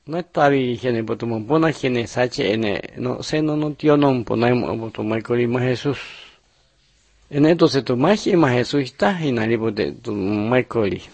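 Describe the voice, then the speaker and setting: A man narrating numbered Bible picture lessons in a steady, measured reading style. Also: medium pitch, creaky, breathy edge, no echo. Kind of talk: scripted religious narration.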